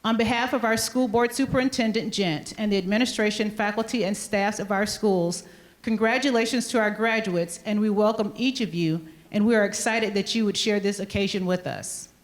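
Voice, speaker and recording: A woman principal giving a measured, formal podium speech, reading a scripted ceremonial welcome. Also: mid-range voice. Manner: formal, measured address to an assembly. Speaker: high school principal.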